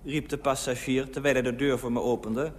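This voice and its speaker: A man reading his own comic first-person story, lively, acting out the people he quotes. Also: medium pitch, brisk. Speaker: humorous columnist reading his own piece. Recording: old radio recording with long reverb and faint hiss.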